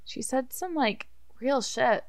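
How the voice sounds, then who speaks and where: A woman's voice: high-pitched, animated, slow, a loud crowd. A young woman co-hosting a podcast in casual chat, talking in a Valley Girl manner. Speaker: podcast co-host.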